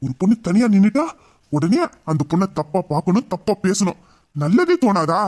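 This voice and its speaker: Audio drama: a hot-headed young boyfriend, anxious then threatening, played by a man; voice sits high. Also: big pitch swings, a little fast, a little mellow. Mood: furious. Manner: worried questioning, angry threats. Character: protective young man, heroine's lover, hot-tempered. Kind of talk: amateur Tamil audio drama.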